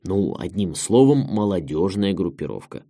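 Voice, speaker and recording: A male audiobook narrator voicing a modest young film director who sounds quiet, low and bewildered. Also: big pitch swings, moderate pace, gravelly, no room sound, studio quality, heavily acted. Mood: puzzled. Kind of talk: audiobook character reading.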